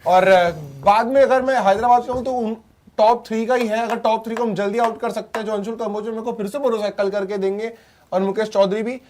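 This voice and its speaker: A man's voice: high-pitched, fairly even intonation, fairly quick, darkish tone. A man arguing his team's case in a casual cricket chat, earnest with frequent hesitations. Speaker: cricket panelist backing Chennai.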